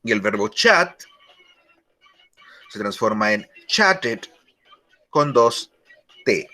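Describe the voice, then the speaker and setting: A male teacher explaining grammar rules slowly in a lesson, often repeating key words. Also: medium pitch, sing-song, vocal fry, bright, forceful tone, soft background music. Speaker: English teacher.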